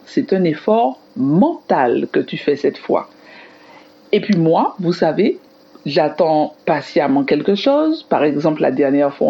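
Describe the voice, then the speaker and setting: A woman teacher giving a scripted radio lesson to children in an expressive, explanatory manner. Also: sits low, breathy edge, dull audio. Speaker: primary school teacher on radio.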